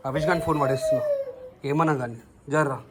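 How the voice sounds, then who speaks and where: A man's voice: a little high, huge pitch swings, fast, over a noisy crowd. A man, chatting casually with his family and scolding and coaxing a crying child. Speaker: vlogger, father.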